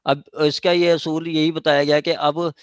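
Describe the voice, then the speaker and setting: Speaking at a moderate pace in a fairly high, flat voice, a Pakistani-accented man lectures informally on law at a judicial academy. He walks through points step by step, repeats himself and keeps checking in, switching between Urdu and English legal terms. The recording sounds dry.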